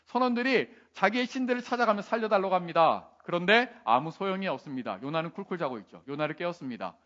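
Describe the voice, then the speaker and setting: A man's voice: sits high, fast talker, muffled recording. A male pastor telling a Bible story in a playful sermon, asking the listeners questions. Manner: animated, playful questions to the audience.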